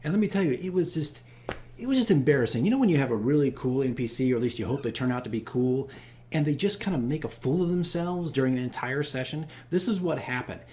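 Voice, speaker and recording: A game master hosts a casual vlog recounting his campaign, his stories wandering, self-mocking, and punctuated by repeated phrases. He talks fast and expressively, in a medium-pitched voice with a darkish tone.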